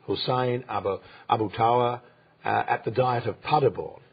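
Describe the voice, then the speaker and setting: A man co-hosting a history program, talking through events without a script, with many pauses, fillers and restarts. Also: mid-range voice, breathy edge. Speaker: co-host, history presenter. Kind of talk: unscripted history talk. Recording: dull lo-fi sound.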